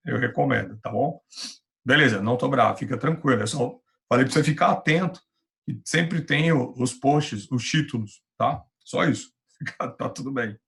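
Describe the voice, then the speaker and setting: Brazilian guy teaching physics online, gravelly voice, patient and chatty, lots of "tá?". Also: medium pitch, a bit bright. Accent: Brazilian Portuguese. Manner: patient, reassuring, chatty with filler tags. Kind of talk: online class lecture.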